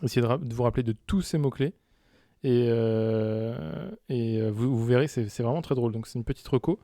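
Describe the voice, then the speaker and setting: Young guy hosting a silly podcast, teasing, warm mellow voice. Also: medium pitch, normal speed, dry recording, studio quality. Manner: joking, teasing, asks playful questions. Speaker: podcast co-host. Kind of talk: casual chat.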